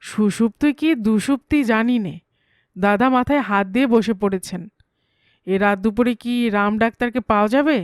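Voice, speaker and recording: A woman narrates a comic audio story in a lively, playful way. Her voice sits fairly high, and the sound is close and dry with no room echo. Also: moderate pace.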